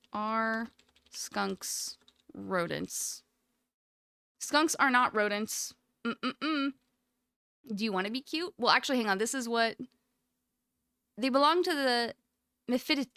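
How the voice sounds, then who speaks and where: A woman's voice: fairly high pitch, a bit bright, dry recording, clean studio sound. A woman streamer chatting casually with her viewers, laughing often and rambling with lots of "like" fillers. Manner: giggly, rambling, full of "like" fillers. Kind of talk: casual livestream chat.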